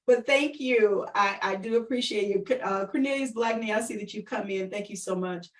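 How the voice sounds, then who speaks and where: On a distant mic, a woman with a medium-pitched voice speaks at a moderate pace. She's hosting an online radio program, doing a warm-up chat interview aimed directly at listeners, and her manner is affirming and encouraging, with lots of repeated phrases.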